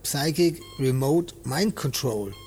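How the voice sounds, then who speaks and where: An actor playing a tough, distrustful male captive in a German audio drama, gruff, combative and defiant. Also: mid-range voice, expressive, slow pace, darkish tone, faint music behind. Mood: suspicious.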